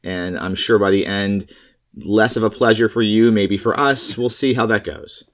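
A man's voice: fairly low pitch, normal speed. A man hosting a podcast in casual, jokey, rambling chat. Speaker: podcast host.

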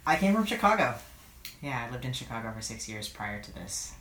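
A man in his thirties from California's East Bay, answering oral history questions in a hesitant, thoughtful way with many pauses, recorded in his apartment. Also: medium pitch, sing-song, bright, forceful tone. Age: 30s. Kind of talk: reflective interview answers. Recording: roomy apartment recording, faint noise.

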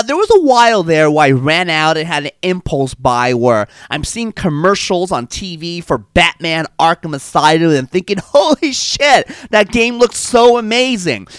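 Brief: male solo podcaster, sarcastic rambler, lively up-and-down delivery, dry close sound, a touch stuffy from a cold. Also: high-pitched, clean tone, dry recording. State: still slightly stuffy from a cold. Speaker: podcast host. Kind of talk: casual solo podcast monologue.

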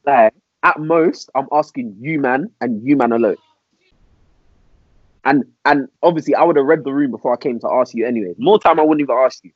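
Husky young London roadman, emphatic and slangy. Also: mid-range voice, fairly quick, no echo, dull audio. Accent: London roadman, urban slang. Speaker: podcast panellist answering listener dilemmas. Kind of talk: animated casual group discussion.

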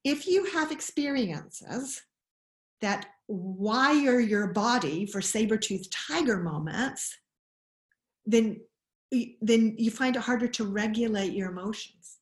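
A woman's voice: fairly high pitch, takes it slowly. Earnest woman explaining in an echoey room. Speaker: parenting educator. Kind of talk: explanatory interview talk.

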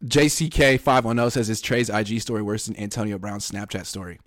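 A man's voice: on the low side, fairly even intonation, brisk. A man in his thirties co-hosting a casual sports talk show, emphatic and wry, often slipping into mock quotes. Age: 30s. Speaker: podcast co-host.

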